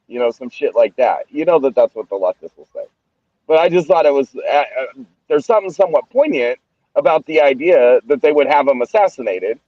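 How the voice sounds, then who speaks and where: Halting sardonic man on a dull mic. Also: mid-range voice, expressive, no room sound. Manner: halting, many fillers, sardonic. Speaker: podcast co-host. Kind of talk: casual podcast chat.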